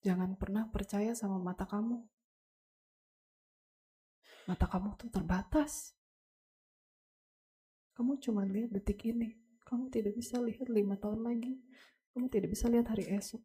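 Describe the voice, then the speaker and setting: A young woman giving an earnest, halting personal testimony to a congregation at a memorial service, speaking straight to the listeners. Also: medium pitch, steady tone, mellow, husky. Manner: earnest, halting, addresses listeners as Bapak Ibu. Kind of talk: emotional spoken testimony to a congregation.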